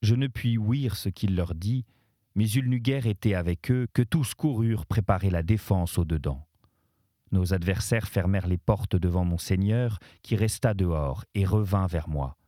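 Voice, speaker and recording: A man reading a classic poem aloud for radio, measured and solemn. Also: sits low, mellow, no echo, clean studio sound. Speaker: reader. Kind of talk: audiobook-style literary reading.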